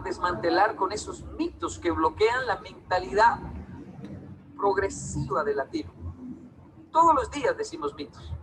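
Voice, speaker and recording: Brief: man, high animated speaker, stage storytelling, noisy hall. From Colombia. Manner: animated, acts out quoted dialogue in different voices. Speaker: public speaker. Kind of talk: storytelling talk to a live audience.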